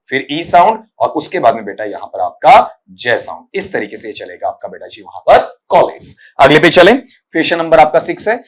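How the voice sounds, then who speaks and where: A man's voice: on the high side, fairly bright tone. A man with an Indian accent teaching English pronunciation for exam prep, breaking words into sounds step by step and calling his students "beta". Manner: explains step by step, often addresses students as "beta".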